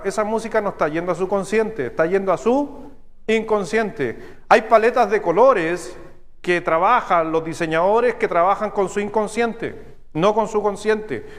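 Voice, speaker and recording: A man with a Chilean accent preaching a sermon as pastor, teaching step by step and checking in with his listeners through quick questions. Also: high voice, in a large hall. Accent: Chilean Spanish. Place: church sanctuary.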